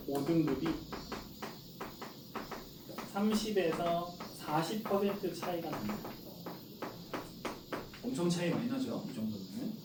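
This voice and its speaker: In a chatty classroom lecture, a teacher in his forties keeps asking students questions only to answer them himself. The slightly high male voice comes through echoey, far-off audio with background noise.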